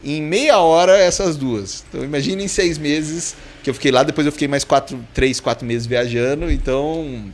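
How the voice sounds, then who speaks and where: A man's voice: on the high side, moderate pace, few pauses. A man with a Brazilian Portuguese accent, a podcast guest telling casual stories, acting out the dialogue and laughing often. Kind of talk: casual storytelling in a podcast interview.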